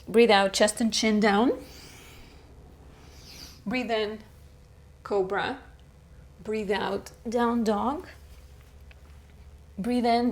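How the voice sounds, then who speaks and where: A young woman teaching a beginner yoga class, calmly cueing each breath and pose and encouraging the students between rounds. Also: medium pitch, vocal fry. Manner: slow, calm cueing of breath and poses. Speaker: yoga instructor. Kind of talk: guided yoga class instruction.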